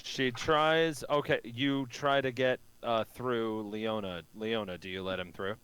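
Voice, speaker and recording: A man runs a tabletop role-playing game as its game master. His voice is middling in pitch and he narrates informally. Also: fairly even intonation, measured pace, a bit bright, smooth, no echo.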